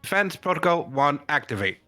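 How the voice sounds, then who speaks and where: A man putting on a flat, mechanical robot voice to speak for a machine while playing a tabletop game. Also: on the high side, fairly quick, faint music behind, pitched above the performer's own voice. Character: stiff male robot reciting commands. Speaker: tabletop player.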